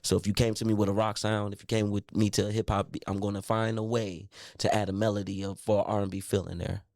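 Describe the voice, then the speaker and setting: Relaxed low-voiced man chatting. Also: fast, vocal fry, no echo, clean studio sound. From Milwaukee, raised in Baltimore. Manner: relaxed, rambling, many fillers and restarts. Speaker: R&B singer, guest. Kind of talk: casual interview chat. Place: radio studio.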